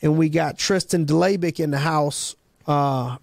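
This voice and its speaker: Brief: male podcast host, slightly higher voice, energetic and rambling, restarts a lot, dry close recording. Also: unhurried, gravelly, dry recording. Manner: hyped, rambling, many restarts and slang. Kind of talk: casual interview chat.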